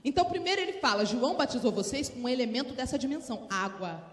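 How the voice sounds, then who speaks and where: A woman pastor preaching a lively sermon, calling on the congregation to answer. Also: sits high, fast. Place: large church hall. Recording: echoey church hall with long reverb.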